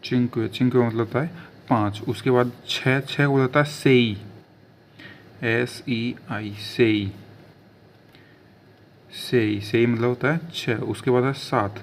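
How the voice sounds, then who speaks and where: A man teaching a video language lesson, repeating each word slowly and spelling it out letter by letter, with frequent check-ins to the viewers. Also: mid-range voice, a little hiss or hum.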